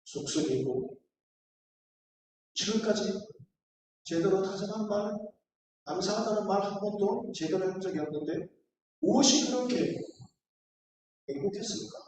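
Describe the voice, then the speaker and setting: Earnest preacher in an echoey church. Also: male voice, high-pitched, unhurried, long pauses, a little mellow, distant mic, a little hiss or hum. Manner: earnest storytelling, rising to emphatic appeals. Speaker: pastor. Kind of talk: sermon. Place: church sanctuary. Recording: echoey church hall from afar, faint ambience.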